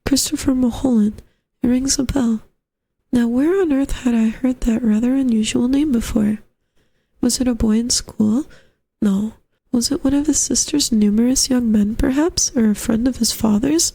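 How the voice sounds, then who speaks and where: A woman's voice: on the high side, moderate pace, mellow, breathy edge. A woman voicing an earnest young male lodger in a story, musing in a hesitant, courteous way. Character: polite, puzzled, earnest young man, a lodger. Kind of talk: storybook character voice.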